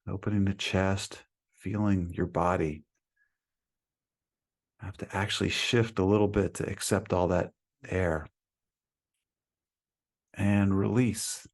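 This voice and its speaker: Speaking in a low register, a male teacher leads a guided meditation. His manner is calm and soothing, with long pauses between phrases.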